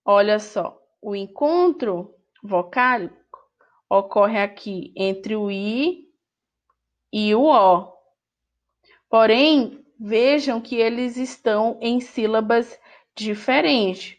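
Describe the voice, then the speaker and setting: A woman teacher with a Brazilian Portuguese accent corrects a workbook during an online lesson, speaking patiently and repeating each word. Her voice is on the high side and slow. It's a screen recording with voice-over.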